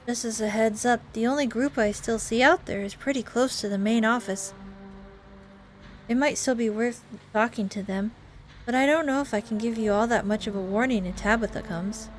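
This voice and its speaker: A woman's voice: a little high, moderate pace, a little hiss or hum. Woman reading video game dialogue over music. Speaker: video game playthrough host. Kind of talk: reading game dialogue aloud with amateur voice acting. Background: music under the voice.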